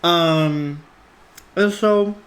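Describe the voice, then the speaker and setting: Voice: medium pitch, very slow, fairly bright tone. A streamer giving a casual live breakdown of a song's melody, humming phrases on nonsense syllables and talking through ideas loosely. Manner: loose, conversational, thinking aloud with fillers; reads and answers viewer requests. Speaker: music analysis streamer.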